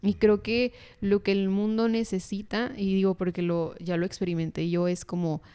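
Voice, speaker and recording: A young woman from Mexico, a podcast guest, sharing a personal faith testimony in a casual, earnest and animated way. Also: medium pitch, normal speed, clear, resonant tone. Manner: earnest, animated storytelling with laughs.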